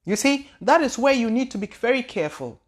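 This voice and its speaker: On her channel, a Ghanaian woman who works as a spiritual teacher answers viewer questions casually. Her voice sits on the high side, expressive and a little fast. Her speech is loose and searching, with many repeated words and hesitations.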